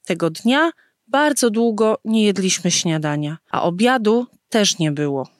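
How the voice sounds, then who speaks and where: A woman reading a story aloud slowly and expressively, giving the characters' lines their own voices. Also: medium pitch, lively intonation, dry recording, clean studio sound. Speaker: narrator.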